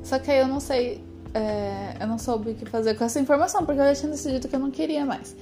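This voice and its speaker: A woman's voice: high voice, fast. A woman in her twenties talking through a rambling, hesitant, confessional personal vlog with lots of fillers. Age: 20s. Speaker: vlogger. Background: background music.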